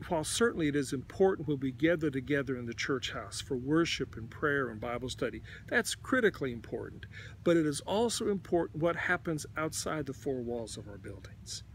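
Older male church leader, mid-pitched and gravelly, earnest and exhorting, recorded close-up outdoors in a garden. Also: a little hiss or hum. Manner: earnest, exhorting, with repeated restarts. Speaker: denominational leader. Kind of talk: pastoral address to churches. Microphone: camera close in front, head and shoulders.

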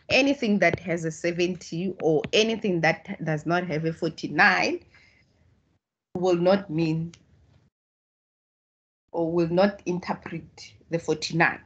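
A lowish, fairly bright and husky voice belongs to a South African woman, first language Tswana, who patiently teaches statistics online. She explains slowly with restarts, and the video-call recording is muffled.

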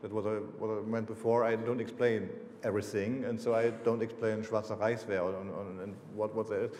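A German-accented author in his fifties, a native German speaker, responds to audience questions about his books from his seat on a lecture hall stage, hesitant and full of fillers and restarts. His lowish, darkish voice moves briskly at a level tone. Slight background noise and a roomy echo fill the recording.

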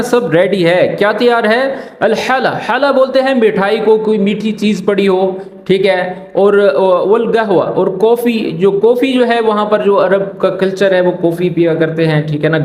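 A male tutor gives a casual Arabic lesson in a fairly high voice. He drills each phrase slowly and keeps asking whether his listeners follow. The room around him rings with echo. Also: darkish tone. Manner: repeats phrases slowly, asks "ٹھیک ہے نا?" often. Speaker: Arabic teacher. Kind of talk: casual language lesson explaining drama lines.

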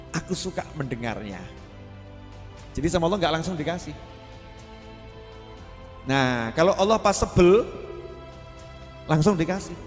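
A man preaching a sermon, lively and quizzing his listeners. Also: a little high, big-room sound. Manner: lively, asks the audience questions.

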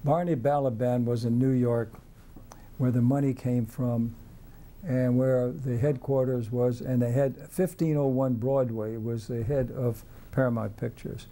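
Very dark-voiced man, matter-of-fact. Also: medium pitch, fairly even intonation, measured pace. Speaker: interviewee. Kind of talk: documentary interview.

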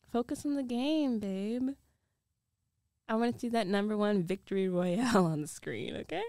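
In an intimate ASMR roleplay, a woman plays an older, dominant girlfriend who teases and giggles, speaking slowly and often dropping to a whisper. Her medium-pitched voice is soft and dark with gravelly fry at the edges, recorded dry.

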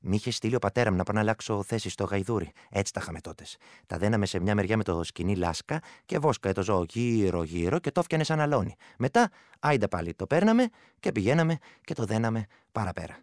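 Radio drama: rustic villager telling a folk tale, animated pitch, dry studio. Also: male voice, no echo. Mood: storytelling. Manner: storytelling, rustic dialect, shifting loud and hushed. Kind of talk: radio play acting.

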